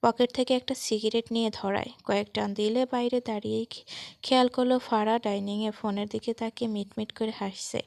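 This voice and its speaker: Gravelly-voiced woman narrating a story. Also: on the high side, fairly even intonation, brisk, darkish tone, no room sound, clean studio sound. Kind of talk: scripted narration of a romance story.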